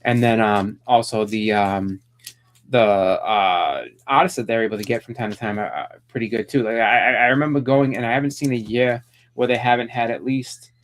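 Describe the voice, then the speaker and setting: A man's voice: medium pitch, fairly even intonation, normal speed. A man hosting a live stream, chatting casually about comics in a rambling way with many restarts.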